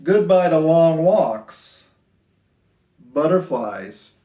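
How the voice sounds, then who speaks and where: A man whose voice sits a little high leads a children's storytime, reading picture books in an expressive, sing-song style and drawing out his phrases. The recording has a roomy, echoey indoor sound.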